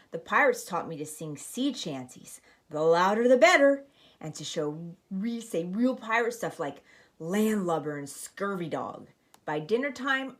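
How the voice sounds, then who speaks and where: A woman storyteller with a medium-pitched voice reads a children's picture book aloud, phrasing it expressively and with emphasis.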